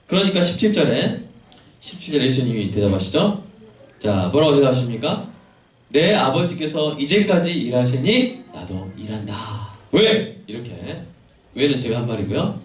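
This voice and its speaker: A male pastor preaches in a church sanctuary with a lively voice that rises and falls widely. He keeps asking the congregation questions and drops in joking asides. His voice comes from a distance and echoes through the room. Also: mid-range voice. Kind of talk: sermon. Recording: echoey church hall from far off.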